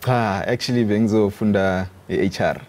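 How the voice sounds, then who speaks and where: A South African man with a low-pitched voice and South African accent talks casually. He is an artist being interviewed in a television studio. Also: steady tone, moderate pace, a little mellow. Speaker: artist guest.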